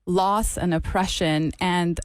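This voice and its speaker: A woman's voice: lowish voice, steady tone, takes it slowly, clear, resonant tone, no room sound. A woman speaking earnestly as an activist guest in a radio interview, repeating phrases for emphasis. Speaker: interview guest, mental health clinician and activist. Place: radio studio.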